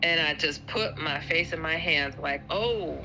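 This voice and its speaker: A woman's voice: deep voice, measured pace, noisy background. A woman guest telling a personal story in a casual interview, stammering and repeating words as she acts out quotes. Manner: laughs often between sentences. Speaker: guest author.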